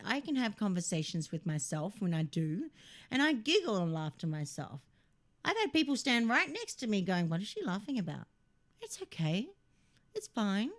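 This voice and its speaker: Giggly, lively-voiced woman co-host. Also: medium pitch. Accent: American regional accent. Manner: giggly and expressive, laughs often. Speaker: radio show co-host. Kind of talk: casual live radio chat.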